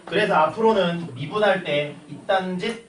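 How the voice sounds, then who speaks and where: A man's voice: high voice, normal speed. A young man teaching a math class, telling a story with jokes and acted-out sounds. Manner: animated, joking, acts out sounds and quoted voices. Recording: echoey classroom, far mic, noisy.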